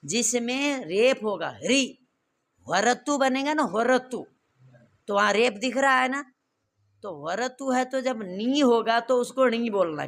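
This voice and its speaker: A man's voice: extremely high pitch, gravelly, fairly bright tone. A man teaching Sanskrit grammar to a class, repeating verb forms and quizzing students with questions.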